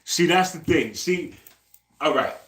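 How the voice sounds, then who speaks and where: A man's voice: a little high, expressive, a little slow, fairly bright tone. A man in his forties, chatting casually on a live stream, talking in loose slang, ending nearly every phrase with "bro" and repeating himself to his viewers. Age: 40s. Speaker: livestreamer. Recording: echoey room.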